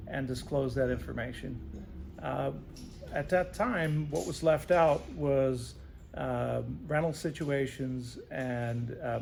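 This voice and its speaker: A radon remediation specialist being interviewed has a mid-range, darkish voice with vocal fry. He makes things easy to follow and repeatedly checks in with "right?", while slight background noise runs underneath.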